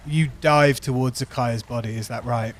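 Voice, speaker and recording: A man running a tabletop game, narrating dramatically and descriptively with deliberate pauses. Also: medium pitch, fairly even intonation. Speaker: game master.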